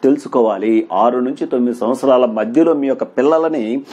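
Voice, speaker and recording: Husky man teaching like an exam coach. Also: mid-range voice, a little fast, darkish tone. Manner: repeats key points as quiz questions and answers; stresses points with "very, very important". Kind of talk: exam-prep lecture.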